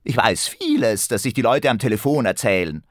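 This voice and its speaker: A man voicing a smug little goblin that lives in mobile phones, speaking high and excited in a storybook reading. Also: a little fast, no room sound, studio quality, close to an everyday voice. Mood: boastful. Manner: high, excited, pleased with itself.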